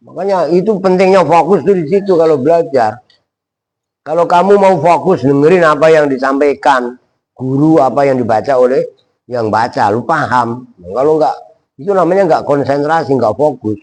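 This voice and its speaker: A man, a kyai teaching Arabic grammar in a pesantren classroom, chanting Arabic phrases slowly and checking that his students follow. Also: mid-range voice, low-quality recording. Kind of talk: classroom kitab lesson.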